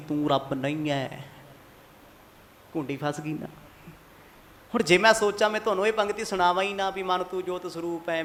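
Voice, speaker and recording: A man's voice: high-pitched, a bit bright. A man from Mohali, Punjab, giving a Sikh katha sermon. He asks the congregation rhetorical questions and acts out the words of the figures he quotes. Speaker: Sikh preacher.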